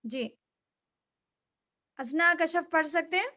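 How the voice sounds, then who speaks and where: A woman's voice: very high-pitched, pushed and bright. A woman teaching a reading lesson, patiently modeling and correcting each letter sound.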